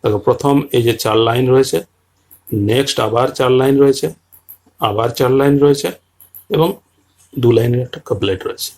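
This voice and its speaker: A man teaching a poem in detail, patiently explaining its structure and slowly reading quoted lines aloud. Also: mid-range voice, darkish tone. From Bengal region.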